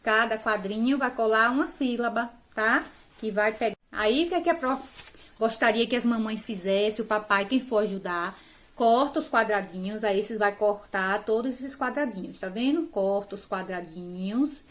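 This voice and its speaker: Brazilian woman, primary teacher, remote lesson; patient step-by-step explainer, affectionate, slightly high voice. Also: moderate pace. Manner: affectionate, uses diminutives. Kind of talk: remote lesson instructions to parents and children.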